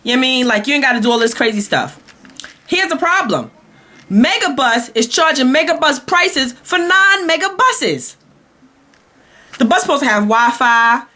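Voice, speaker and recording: A woman's voice: sits high, moderate pace. A young woman from Brooklyn with a Brooklyn accent, delivering a sassy, exasperated comedic rant as a vlogger. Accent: Brooklyn New York. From Brooklyn, New York. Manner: sassy, animated, exasperated ranting.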